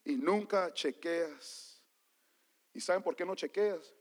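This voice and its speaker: A man preaching a sermon as a pastor, switching between Spanish and English and calling out to the congregation, quiet one moment and shouting the next. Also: sits high, slow pace. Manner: swings from quiet to loud, shouting at peaks. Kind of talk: bilingual sermon. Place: church.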